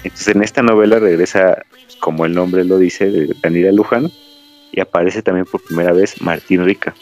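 This Mexican podcast host has a low, darkish voice, fairly even intonation, and a normal pace. His casual chat drifts from story to story in a rambling, digressive way, and the audio is dry and a bit dull, lo-fi.

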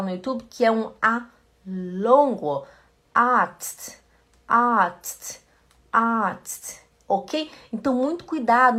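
A woman teaching a live-streamed German lesson from home, chatty, greeting viewers by name and slowly repeating words. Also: sits high, a bit bright. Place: at home in front of a computer. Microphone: computer camera mic.

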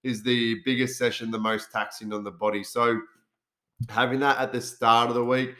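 A man's voice: medium pitch, little pitch movement, normal speed, bright, forceful tone. An Australian man with a nasal voice, congested from a cold, explaining things informally as a podcast host and fitness coach. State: has a cold. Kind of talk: casual solo podcast talk.

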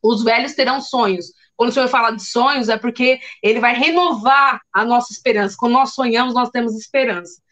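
Lively São woman guest, high voice, acts out her own lines, testimony chat. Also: fairly quick, few pauses. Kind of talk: casual chat, faith testimony.

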